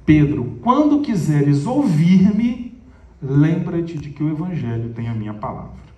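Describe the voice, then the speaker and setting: A man with a Minas Gerais accent voicing Jesus, speaking gently and solemnly to a disciple. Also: a little high, big pitch swings, unhurried. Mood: tender. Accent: Minas Gerais Portuguese. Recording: echoey hall, mic far off.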